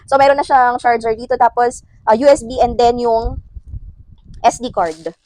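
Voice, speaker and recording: Chatty Filipina vlogger, slightly high voice. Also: female voice, steady tone, moderate pace, darkish tone. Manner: chatty, addresses viewers as sis, laughs often. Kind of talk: casual unboxing vlog.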